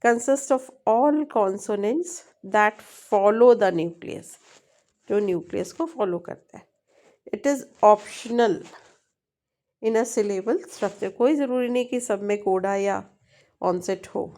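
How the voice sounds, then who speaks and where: A woman with an Indian accent walks her students through a linguistics lesson at an unhurried pace, her voice at a middle pitch. She reads English definitions word by word, then explains them in Hindi. She keeps checking that they are following her. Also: a little mellow. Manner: slow, deliberate reading of English definitions; frequent checking tag questions. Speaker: linguistics tutor.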